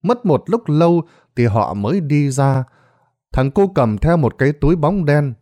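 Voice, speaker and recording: A man's voice: fairly high pitch, animated, unhurried, dark tone. A man reading a ghost story aloud in a dramatic storytelling manner. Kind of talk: scripted narration.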